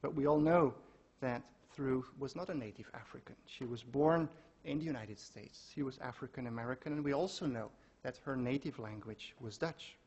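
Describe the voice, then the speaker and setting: Husky-voiced man giving an academic lecture. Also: mid-range voice, darkish tone, muffled recording. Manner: measured, quoting sources aloud. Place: lecture hall.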